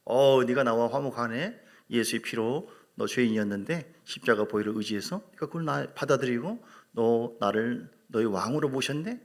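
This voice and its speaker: A man voicing God as a fatherly, stern figure speaking slowly to a believer in a sermon. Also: mid-range voice, pitched below the performer's own voice, lightly acted.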